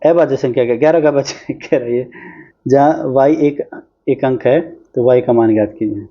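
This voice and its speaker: Brisk chatty male math tutor. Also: medium pitch, breathy edge, highs cut off. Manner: brisk, chatty, talks while solving on screen. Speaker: teacher. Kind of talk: exam-prep math lesson.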